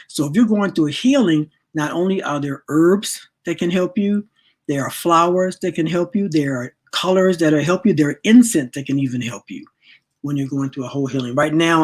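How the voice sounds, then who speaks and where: A spiritual wellness teacher in her late sixties gives a casual workshop talk to her audience in a low, husky, darkish voice that runs a little fast. She's chatty and repeats words while searching for the right ones.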